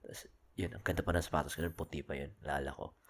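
A man's voice: extremely low pitch, fairly even intonation, quick pace, fairly bright tone, slightly rough. A man with a Filipino accent, co-hosting a casual podcast chat and telling stories, switching between Tagalog and English and laughing often. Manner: storytelling with Taglish code-switching, laughing often. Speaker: podcast co-host.

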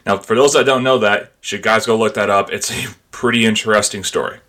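A man's voice: lowish voice, steady tone, a little fast, sharp tone. A man hosting a podcast in an informal, conversational way, speaking to his listeners and guest. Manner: informal, addresses listeners as guys. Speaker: podcast host.

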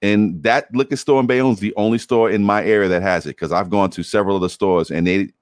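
A man with a very low voice in relaxed, rambling casual chat. He swears offhandedly, and the sound is close and dry. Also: quick pace, smooth, dry recording.

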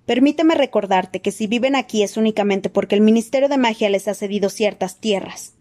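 A woman voicing a frightened, pompous female official with a squeaky, haughty voice. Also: fairly quick, warm tone, lightly acted.

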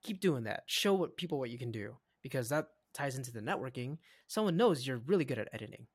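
A young adult man co-hosting a casual podcast, talking in an animated, rambling way with frequent restarts. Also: mid-range voice, quick pace, husky. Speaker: podcast co-host. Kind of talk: casual chat.

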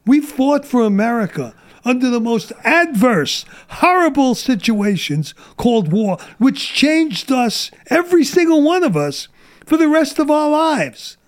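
A middle-aged man with a high voice, a guest on a casual podcast, rants bluntly and profanely. He is losing his voice, which sounds worn out and increasingly strained.

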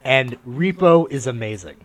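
A man hosting a podcast, talking casually about films in an animated, opinionated way with loose swearing. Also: mid-range voice, normal speed, no echo. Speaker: podcast host. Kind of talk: casual film discussion.

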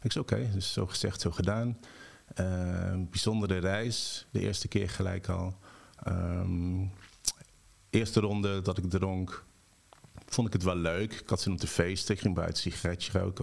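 Gravelly low-voiced man telling stories. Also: moderate pace. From Netherlands. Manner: relaxed storyteller who mixes English words into his speech. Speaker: ayahuasca shaman guest. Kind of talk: storytelling in a podcast interview.

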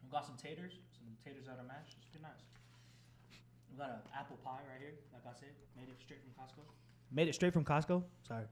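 A man's voice: mid-range voice, fairly even intonation, fast talker, background noise. A young man co-hosting a casual chat over a holiday meal, laid-back and joking, talking while he eats. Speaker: podcast co-host.

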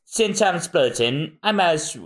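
A man's voice: on the high side, animated, unhurried, pitched above the performer's own voice. A man voicing a cheerful woman cooking at home, chatty and pleased with herself. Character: cheerful woman, a home cook, proud of her sauce.

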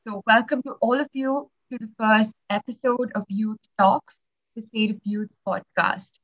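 A woman's voice: on the high side, fairly even intonation, normal speed. Young woman hosting a podcast, dull lo-fi sound. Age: young adult. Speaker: podcast host.

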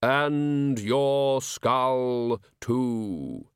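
A man voicing Death as a solemn, grave figure who speaks flatly and without hurry. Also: mid-range voice, smooth, no echo, studio quality. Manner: flat, grave, unhurried. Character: Death, solemn cosmic male reaper.

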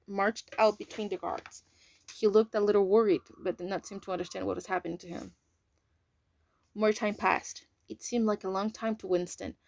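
Lady reading a novel out loud, casual, a few slips, dry close sound. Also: mid-range voice, dry recording. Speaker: audiobook reader. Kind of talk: audiobook narration.

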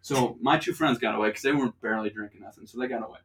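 A man's voice: medium pitch, racing, a bit bright, a little hiss or hum. A young man telling a rambling, profane story in casual chat on a podcast, laughing often. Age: young adult. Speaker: podcast host.

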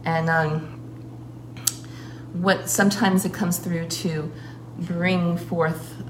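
With a lowish voice and flat delivery, a woman who is a shamanic priestess and guest speaker shares a casual, earnest account. Her speech flows, though she frequently stops with filler pauses to find the right words. Clear background noise runs through the roomy recording.

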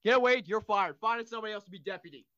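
A woman's voice: mid-range voice, racing, a bit bright, no echo, dull audio, lightly acted. A woman playing a stern, exasperated training officer who scolds her cadets sarcastically. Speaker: officer in a comedy skit.

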